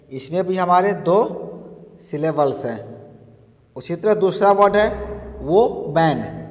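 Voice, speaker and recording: A male teacher giving an exam-prep lesson, explaining step by step and repeating points. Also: sits high. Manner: slow, explaining step by step with repetitions. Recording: long reverb.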